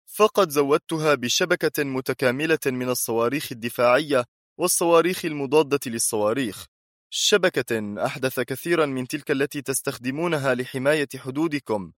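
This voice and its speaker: A cold, commanding spymaster, voiced by a male audiobook narrator, talks in short, steely sentences. The voice sits higher and louder than the narrator's own, in a dry, close sound. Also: dry recording, natural voice. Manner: firm, curt, steely. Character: stern, cold, commanding male intelligence chief. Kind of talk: audiobook character voice.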